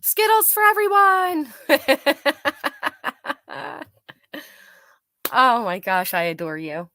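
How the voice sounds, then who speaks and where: She speaks extremely slowly in a high, sharp voice whose pitch swoops wildly, and the recording is dry. As a blunt, sarcastic streamer, she mocks clips, reads chat, chats with viewers and swears freely.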